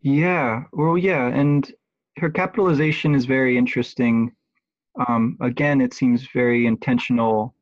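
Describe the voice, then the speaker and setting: A man in a relaxed conversation, thinking aloud about a poem with frequent pauses and restarts. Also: mid-range voice, no room sound. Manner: hesitant, many restarts and ums. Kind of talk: thoughtful conversational close reading. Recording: dull lo-fi dry sound.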